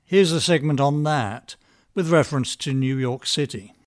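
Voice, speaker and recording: A man giving scripted political commentary with a dry, sardonic, measured delivery. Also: on the high side. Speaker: podcast commentator.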